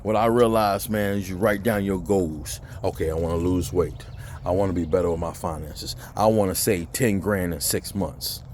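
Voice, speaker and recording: A man's voice: low voice, normal speed, darkish tone, slight background noise. Blunt preachy man giving tough-love advice. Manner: blunt, preachy, cursing, mimics lazy complainers. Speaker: motivational vlogger. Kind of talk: blunt motivational rant.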